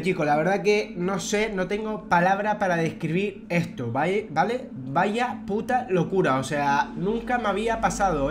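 A young man from Spain tells the story in a rush, swearing freely and repeating himself. His voice sits high for a man, and his casual commentary feels breathless with excitement. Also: noisy background. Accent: Spain Spanish. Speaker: youtuber narrating a replay.

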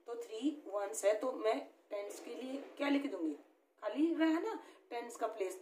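A woman's voice: mid-range voice, a little mellow. Woman teaching math in echoey room. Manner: explains step by step, often checking "ठीक है बच्चों?". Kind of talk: classroom-style math lesson. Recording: echoey room with faint background noise.

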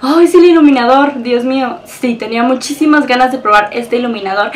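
A woman's voice: high voice, brisk, recorded from a distance, slight background noise, poor audio. A young woman with a Mexican accent, gushing and emotional as she unboxes a package for her vlog. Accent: Mexican Spanish. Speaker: beauty vlogger.

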